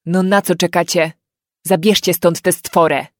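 A woman reading a scared, hostile father who shouts and barks at an intruder in his bedroom. The voice sits low and comes out forceful. The sound is dry and close to the microphone. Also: level tone, measured pace, no echo, lightly acted. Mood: angry shouting. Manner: loud, barking.

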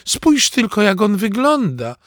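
A man's voice: sits high, wildly swooping pitch, unhurried, fairly bright tone, no echo, studio quality, voice pushed up, heavily acted. A man voicing a fussy, doting grandmother in a storybook reading, speaking in a cooing, pampering way. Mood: fussing.

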